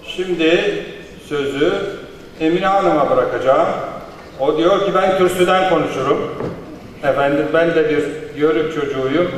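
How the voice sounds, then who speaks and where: A man's voice: on the high side, moderate pace, soft background music. A man chairing a conference session and informally introducing the next speaker. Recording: echoey hall, distant, noisy.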